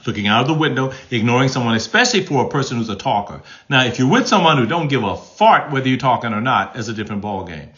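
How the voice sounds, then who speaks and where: A man's voice: medium pitch, quick pace, hardly any pauses, lo-fi sound. A man, a pastor, teaching relationship advice live to his viewers, answering their comments and acting out tones of voice as examples. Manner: animated, keeps checking in with the audience with "okay?".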